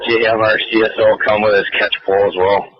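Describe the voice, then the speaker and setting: A man's voice: fairly low pitch, flat delivery, quick pace, dry recording. Man, police officer, over a walkie-talkie, lo-fi radio, dry, clipped calls. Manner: clipped, businesslike.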